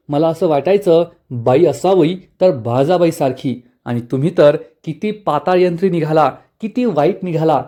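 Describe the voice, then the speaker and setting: A woman's voice: on the low side, warm tone, close to an everyday voice. A man voicing a young village wife, hurt but determined, who speaks earnestly and pleadingly.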